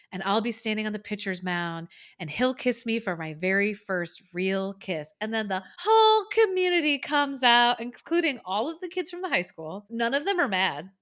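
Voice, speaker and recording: Woman podcast co-host, 30s, lively movie recap, jumps into quoted voices. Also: mid-range voice. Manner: animated, acts out quotes, swears for emphasis. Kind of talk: casual movie recap chat.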